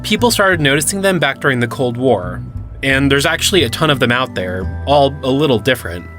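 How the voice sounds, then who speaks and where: A man's voice: mid-range voice, expressive, a little fast, a bit bright, soft background music, close to an everyday voice. An actor playing an enthusiastic young male cryptid hunter who explains things eagerly in an audio drama. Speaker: lead character.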